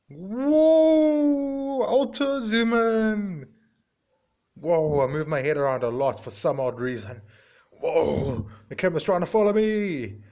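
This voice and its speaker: An excitable pet pigeon gasps in high, squeaky bursts at every little thing, as a man puts him on. The voice sits well above the speaker's own range and stays wide-eyed and eager. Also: exaggerated voice. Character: excitable pet pigeon, male, easily amazed.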